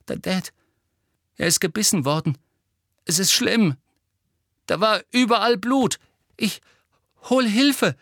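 A man's voice: high voice, lively intonation, a bit bright, no echo, studio quality, pitched above the performer's own voice, heavily acted. A man voicing an anxious, timid teenage boy who speaks in a fearful hurry. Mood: scared. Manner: fearful, hurried.

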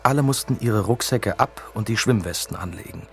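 A man reading an audiobook with steady, even storytelling. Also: fairly low pitch, normal speed, soft background music. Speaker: narrator. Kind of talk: scripted audiobook narration.

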